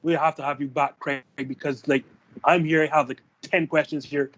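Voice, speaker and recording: A man's voice: on the high side, level tone, normal speed, a bit bright. A man hosting an interview show, chatty and loose, with lots of "like", heard over a muffled video call. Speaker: show host. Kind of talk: casual interview talk.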